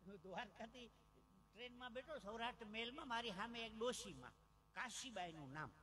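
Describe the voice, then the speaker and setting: Crowd noise surrounds this man's very high-pitched, fairly quick voice. He's a Gujarati-accented folk comedian on a live outdoor village stage, using a PA system as he tells lively jokes and stories and takes on the voices of the people in them.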